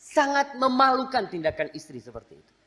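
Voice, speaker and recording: A very high, brisk voice marks this Islamic preacher, and a long reverb tail trails his words. He tells stories with animation, acting out what each person in them says.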